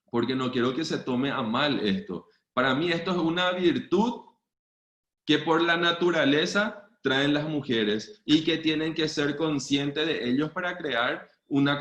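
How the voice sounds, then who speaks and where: A man's voice: mid-range voice, a bit bright, muffled recording. Earnest man, roomy echo. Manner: earnest, checks in with listeners often. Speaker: trainer giving a seminar. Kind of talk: online training talk. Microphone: video call.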